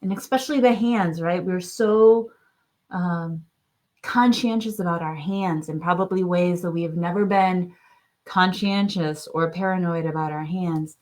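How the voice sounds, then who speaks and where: A woman teaching a gentle self-care practice, speaking softly and soothingly, often checking in with "right?" and sometimes dropping to a near whisper. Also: fairly low pitch, a little slow. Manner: soft, soothing, often drops to a hush; frequent checking "right?", searching restarts. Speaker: wellness teacher.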